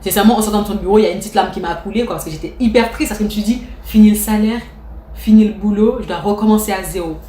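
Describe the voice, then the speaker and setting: A woman's voice: mid-range voice, racing. Chatty woman telling a story. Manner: lively retelling with restarts and acted quotes. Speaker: vlogger. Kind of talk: casual storytime. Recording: echoey room, faint noise.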